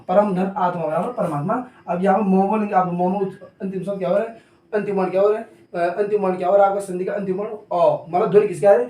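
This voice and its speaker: A man's voice: high-pitched, a little mellow. Man teaching a repetitive classroom lesson. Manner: repetitive call-and-answer questioning; says he talks hurriedly. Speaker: coaching teacher. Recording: roomy echo, mic at a distance.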